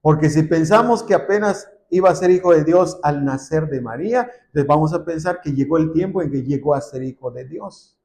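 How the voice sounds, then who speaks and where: Fairly high-voiced man preaching a sermon. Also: moderate pace, a little mellow. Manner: asks and answers his own rhetorical questions; reads scripture aloud with rising emphasis.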